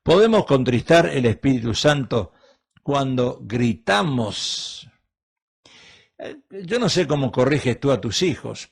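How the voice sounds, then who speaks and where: A middle-aged male pastor preaches with a gravelly, husky voice. He talks with emphasis and keeps asking the congregation rhetorical questions. His loudness rises and falls as he drives home each point. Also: medium pitch. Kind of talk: sermon.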